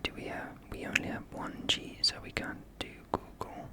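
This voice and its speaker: Speaking with a Finnish accent, this ASMR creator from Finland keeps to a slow, soft whisper, with little laughs here and there.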